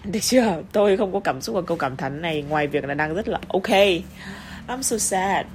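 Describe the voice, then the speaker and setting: A Vietnamese-accented woman with a fairly low voice leads an English pronunciation lesson. She is blunt and scolding in her asides, then reads the example sentences slowly, stretching the intonation. A faint hiss of background noise sits under her voice. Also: lively intonation. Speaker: English teacher.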